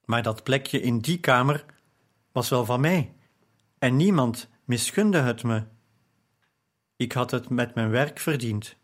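A man reading a novel aloud in measured first-person narration. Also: mid-range voice. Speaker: audiobook narrator.

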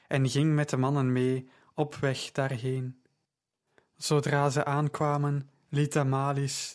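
A man reading a novel aloud to radio listeners in a steady, even voice. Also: mid-range voice. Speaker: reader. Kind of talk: scripted audiobook reading.

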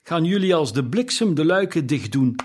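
A man voicing a jolly, plump old merchant with a full, jovial voice, calling out loudly and heartily. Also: a little high, animated, normal speed.

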